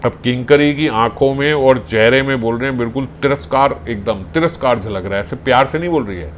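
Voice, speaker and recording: A man giving a devotional scripture discourse, animated and acting out dialogue between figures. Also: mid-range voice, fairly quick, slight background noise. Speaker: spiritual teacher.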